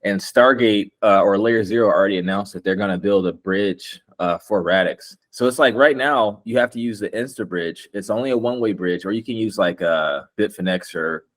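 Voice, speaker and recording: A man's voice: lowish voice, normal speed, few pauses. A man chatting casually about crypto investing in a slangy, confident, boastful bro manner. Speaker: crypto investor and video maker.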